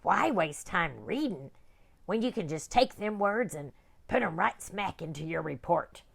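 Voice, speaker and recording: Woman voicing a pirate captain, male, gravelly, bossy, blustering, swinging pitch. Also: expressive, unhurried, full character voice. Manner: growly pirate talk, bluffing and blustering.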